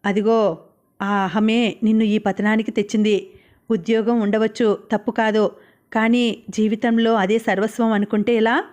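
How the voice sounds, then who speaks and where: A woman voicing an earnest friend who gently scolds and mediates. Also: medium pitch, level tone, moderate pace, lightly acted. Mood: reproachful. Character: calm, reproachful woman friend, patient mediator.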